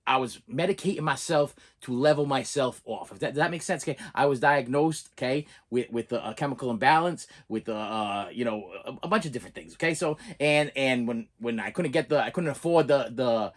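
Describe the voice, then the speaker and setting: A middle-aged man with a Boston accent, delivering a casual rant in a halting, emphatic way, repeating words and checking in with the listener. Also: mid-range voice. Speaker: vlogger. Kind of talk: casual spoken rant to camera.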